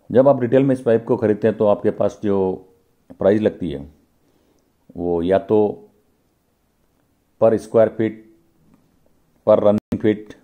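A man's voice: fairly low pitch, dark tone. A man hosting his own channel, talking viewers through a pipe-making factory as he films it. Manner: explanatory, addresses viewers directly. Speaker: channel host. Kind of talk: factory walkthrough vlog. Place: indoor pipe factory workshop.

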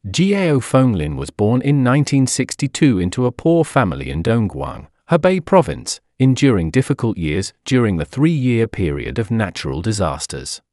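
A man reading scripted documentary narration in a steady voice-over. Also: medium pitch, normal speed, hardly any pauses, dry recording, studio quality.

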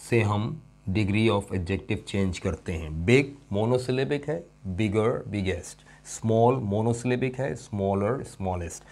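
A male English teacher giving a classroom grammar lesson. He stretches out example words and repeats them, and he keeps checking that his students follow. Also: lowish voice. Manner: addresses students warmly as "son" and checks understanding with "okay?".

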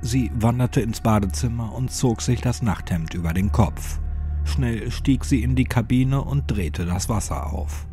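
A man narrating a scripted horror story with lively, expressive delivery. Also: mid-range voice, unhurried. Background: music.

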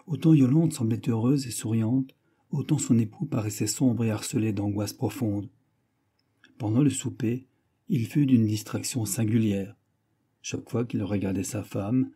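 Dark, husky male audiobook narrator. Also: on the low side. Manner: measured, even storytelling. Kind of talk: scripted narration.

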